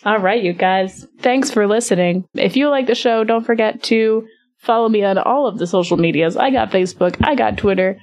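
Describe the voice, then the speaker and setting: Giggly chatty woman podcast host. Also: normal speed. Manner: giggly, chatty, pitch jumps high when excited. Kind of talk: casual board game chat.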